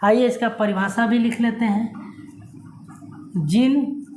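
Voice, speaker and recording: A male Hindi teacher giving a classroom lesson at a board. He dictates slowly word by word, repeats points and keeps checking that students follow. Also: very high voice, lively intonation, reverberant, slight background noise. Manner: checks understanding with frequent questions.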